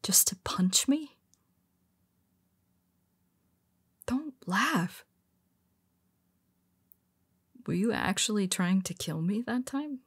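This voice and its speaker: With a medium-pitched, breathy-edged voice and a full character performance, a woman takes on the role of a powerful, blunt, secretly vulnerable superhero in an intimate audio roleplay. She keeps it conversational with hesitant asides, sounding teasing and curious.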